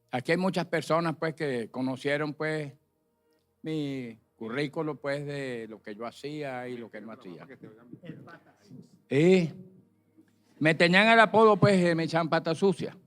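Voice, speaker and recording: A middle-aged man giving a personal testimony in church, plain-spoken and filling his pauses with "pues". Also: a little high, faint music behind. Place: church service.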